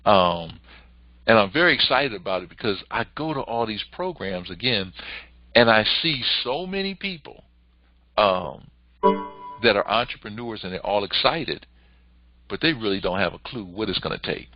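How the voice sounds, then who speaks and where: A man hosting a casual motivational talk, coaching would-be entrepreneurs and raising his pitch when he quotes other people. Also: moderate pace, no echo, muffled recording. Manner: animated, rises in pitch when quoting others.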